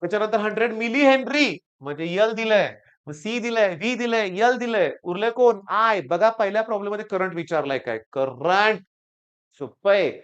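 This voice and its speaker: A hoarse man with a Marathi accent runs through exam physics problems, repeating key points and coaxing his students along. His voice stays smooth and resonant despite the sore throat. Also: high-pitched, animated, normal speed, fairly bright tone, highs cut off. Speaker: physics teacher. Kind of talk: exam-prep lecture.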